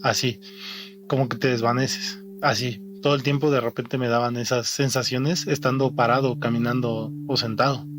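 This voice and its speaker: A young man from Mexico, telling his own story in a halting way, often repeating and restarting words. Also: mid-range voice, little pitch movement, fairly bright tone. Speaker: interviewed athlete. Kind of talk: personal testimony. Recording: faint music behind the voice.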